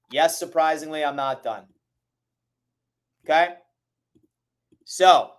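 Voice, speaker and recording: A man hosting a casual sports livestream, talking to his viewers in a hurried, urgent way. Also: a little high.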